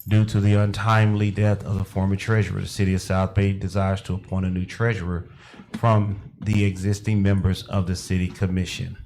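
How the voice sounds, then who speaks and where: A man's voice: low-pitched, level tone, brisk, darkish tone, a little hiss or hum. A man presenting a formal agenda item as city manager, reading legal wording. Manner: formal, reads legal text.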